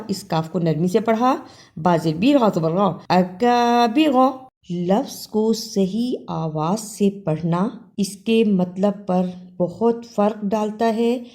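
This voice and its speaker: A woman teaching Quran recitation rules. She spells out letters and vowel marks slowly, then explains them quickly. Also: mid-range voice, warm tone. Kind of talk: tajweed lesson with slow recitation.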